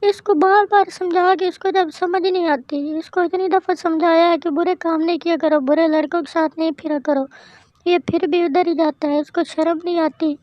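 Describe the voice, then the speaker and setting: A woman's voice: very high voice, steady tone, darkish tone, no echo. A woman voicing a scolding mother in a cartoon story, lecturing and repeating herself. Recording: dull lo-fi dry recording.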